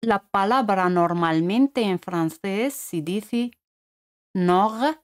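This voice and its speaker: A woman with a Spanish accent from Spain giving a scripted French lesson, speaking clearly and repeating each French word. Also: medium pitch, animated, takes it slowly. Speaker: French teacher.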